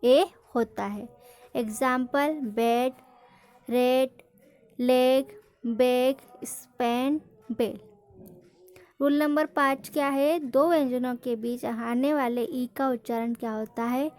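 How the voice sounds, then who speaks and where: Slow, high-voiced woman teaching. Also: steady tone, darkish tone. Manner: slow, drilling, asks questions then answers them. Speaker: English pronunciation teacher. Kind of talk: classroom-style lesson.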